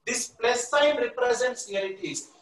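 A man's voice: very high voice, measured pace, a bit bright. A man with an Indian accent teaching a live online class, repeating himself and prompting listeners to finish his sentences. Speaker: chemistry teacher. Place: classroom at a blackboard. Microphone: distant camera microphone. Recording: echoey, distant room microphone.

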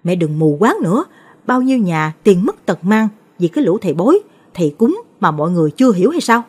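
A woman's voice: medium pitch, big pitch swings, fairly quick, darkish tone, husky. A woman doing a stubborn, scornful village man. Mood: angry. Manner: curt and scornful. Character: stubborn, hot-tempered middle-aged village man.

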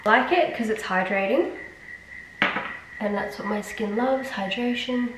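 In a fairly high voice at a measured pace, a congested-sounding young vlogger talks casually about her skincare routine, wandering off topic and teasing herself. Background noise and the echo of her bathroom come through, with the mic set some distance away.

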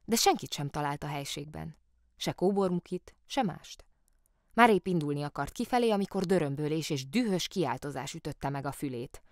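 A woman actress reads a children's story aloud in an animated, expressive way. Her voice sits a little low and moves up and down a lot. The studio recording is close and dry. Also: dry recording. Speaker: audiobook reader, stage actress. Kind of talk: scripted storybook narration. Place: theatre sound studio. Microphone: studio microphone.

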